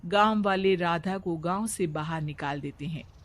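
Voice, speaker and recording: A woman narrating a cartoon moral story in an even, matter-of-fact storytelling voice. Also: fairly low pitch, moderate pace.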